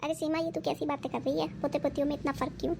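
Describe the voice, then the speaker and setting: A woman's voice: high-pitched, flat delivery, rapid-fire, gravelly. A woman playing a stern, sensible old grandmother who scolds and lectures. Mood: scolding. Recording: noisy background.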